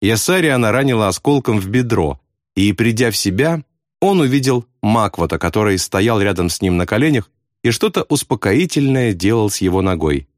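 Male audiobook narrator, dramatic and expressive, lively pitch, dry close sound. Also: normal speed, dry recording. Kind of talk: scripted narration.

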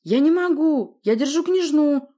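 A woman doing a shrill, greedy fat prince. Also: brisk, highs cut off, close to an everyday voice. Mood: shrieking. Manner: shrill, yelling demands. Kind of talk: audiobook character voice.

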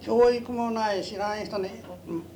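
A man's voice: sits high, moderate pace. An older man with a western Japanese dialect, talking in a folksy, opinionated and emphatic way as he reminisces in an interview. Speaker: oral history interviewee, stone collector. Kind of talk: conversational reminiscence. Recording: noisy amateur interview tape.

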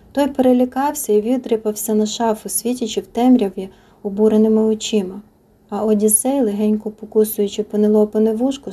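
A woman narrating a novel as an audiobook, soft and intimate, sometimes sinking into a whisper. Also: mid-range voice, breathy edge.

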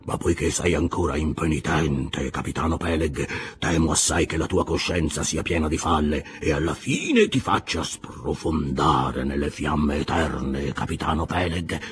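Male reader playing a solemn, miserly old shipowner: deep, slow, sepulchral. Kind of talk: audiobook character voice.

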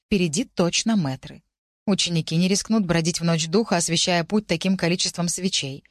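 Low-voiced woman narrating a story. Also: fairly quick, dry recording, studio quality. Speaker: audiobook narrator. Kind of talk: scripted first-person narration.

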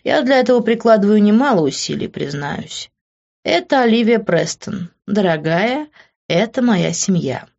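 A woman voicing a pushy, possessive young man in an audiobook, in an insistent, smooth-talking manner. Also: medium pitch, animated, moderate pace, a little mellow, pitched above the performer's own voice. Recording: dull lo-fi recording.

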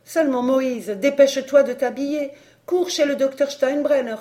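A reader voicing a steady-nerved wife and mother who gives urgent orders during a night emergency, in an audiobook. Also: high voice, normal speed, voice pushed up, lightly acted. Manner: urgent commands.

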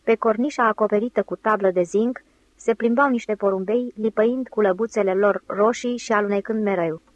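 A woman's voice: medium pitch, dry recording, highs cut off. Woman narrating an audiobook. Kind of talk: scripted narration.

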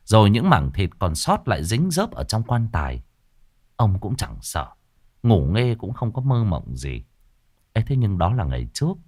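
Low-voiced storyteller. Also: male voice, normal speed, no echo, clean studio sound. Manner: dramatic, expressive reading. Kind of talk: scripted horror story narration. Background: faint background music.

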